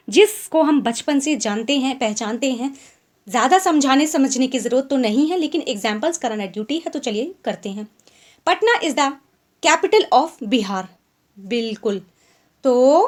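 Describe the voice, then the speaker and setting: A woman teaching an online grammar lesson, explaining in a Hindi-English mix and reading example sentences slowly. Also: high-pitched.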